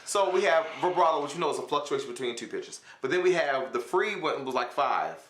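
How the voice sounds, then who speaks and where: A man in a casual chat who coaches singers. His voice is bright and swings widely in pitch, and he backs up his co-host eagerly. He sits in an echoey room with faint music behind him. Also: very animated. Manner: agreeable, quick to echo and back up his co-host. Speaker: vocal coach.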